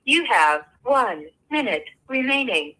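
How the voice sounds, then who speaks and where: A woman's recorded voice announcing a call from a prison on the phone system, in a measured, formal way. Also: on the high side, very animated, sharp tone. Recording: phone-line audio.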